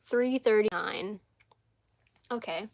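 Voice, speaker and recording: A woman talks loosely and casually on a livestream from her living room, her voice a little scratchy. She rambles along, circling back over her thoughts with plenty of fillers, at a pitch that sits in the middle for a woman. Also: slow pace. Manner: rambling, chatty, frequent "like" and "um". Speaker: crochet livestreamer. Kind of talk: casual live chat.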